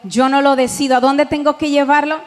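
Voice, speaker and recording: A woman pastor preaches with a high voice, reading scripture slowly and with weight and putting questions to the congregation. Her voice rings out with a long reverb, as in a large hall. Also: level tone. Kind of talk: sermon.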